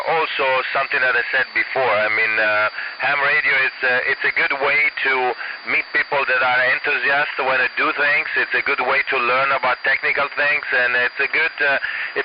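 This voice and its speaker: Man talking over crackly ham radio. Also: mid-range voice. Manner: halting, full of uh fillers, signs off each answer with over. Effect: ham radio transmission, walkie-talkie style. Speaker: astronaut answering questions over ham radio. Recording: lo-fi radio link with loud static.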